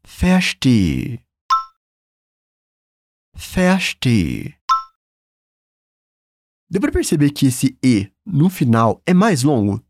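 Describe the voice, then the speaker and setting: A man's voice: mid-range voice, sing-song, normal speed, hardly any pauses, a little mellow, husky, no room sound, clean studio sound. A man with a Brazilian accent teaching a German lesson in a patient, encouraging, upbeat way. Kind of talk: language lesson.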